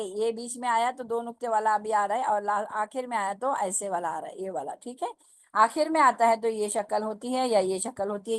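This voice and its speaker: A woman's voice: medium pitch, dry recording. A woman teaching the Urdu script in an online lesson, patiently sounding out letters and words syllable by syllable and checking that students follow. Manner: slow, drawn-out syllable-by-syllable drills; patient, repeats and checks understanding.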